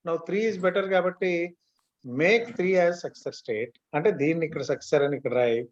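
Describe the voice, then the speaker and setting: Expressive and very fast, a slightly high-voiced man with a Telugu Indian accent teaches an online class step by step. He combines Telugu and English, often pauses to confirm his students understand, and is heard on dull, lo-fi audio.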